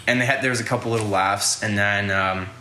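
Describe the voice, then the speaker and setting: A man's voice: fairly low pitch, steady tone, fairly quick, bright, forceful tone, reverberant, slight background noise. A young man hosting a podcast, telling a casual story in a rambling way, full of fillers and swearing. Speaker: podcast host.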